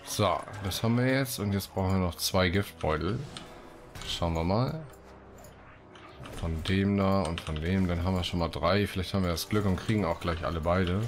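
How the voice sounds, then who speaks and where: Over game music, a man with a low-pitched voice casually commentates on his gameplay at a moderate pace. As the host of this let's play video, he also reads the quests aloud.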